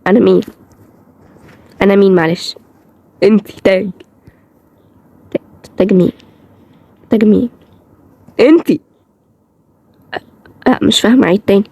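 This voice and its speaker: A woman with an Egyptian accent voicing a feisty, sharp-tongued young woman in a fan drama. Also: medium pitch, normal speed, pauses often, husky, dry recording. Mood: baffled. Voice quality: sarcastic, snappy. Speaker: voice actor of a fan toy-game drama.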